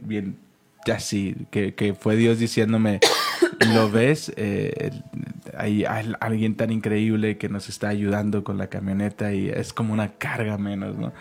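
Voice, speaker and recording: A man's voice: fairly low pitch, creaky. A man with a Mexican accent, a pastor co-hosting a podcast, who tells personal stories casually and drops English phrases in. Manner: storytelling with English phrases mixed in. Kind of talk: casual devotional podcast chat.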